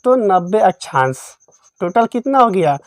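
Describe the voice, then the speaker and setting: This geography lesson for exam prep comes from a woman whose medium-pitched voice is sing-song, at normal speed, with no room sound in the dry voice-over. In a repetitive quiz format, she asks questions and supplies the answers herself.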